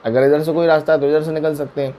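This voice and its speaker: A man's voice: on the high side, little pitch movement, warm tone, a little hiss or hum. A man serving as a mufti who answers viewers' questions in a religious lesson. He explains each ruling patiently and step by step, using worked examples.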